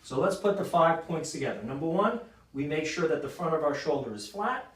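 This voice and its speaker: A man's voice: on the high side, lively intonation, brisk. A man, a sports injury doctor, explaining an exercise and coaching a client through repetitions. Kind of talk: exercise demonstration. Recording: roomy echo, mic at a distance.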